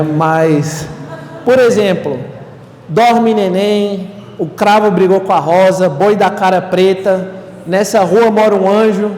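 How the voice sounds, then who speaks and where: A man's voice: high-pitched, darkish tone. A young Brazilian man, a seminarian, gives a conversational lecture to a live audience, often tagging his sentences with "né?". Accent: Brazilian Portuguese. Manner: conversational, frequent "né?" tags. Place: lecture hall. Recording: echoey hall, distant mic, faint room noise.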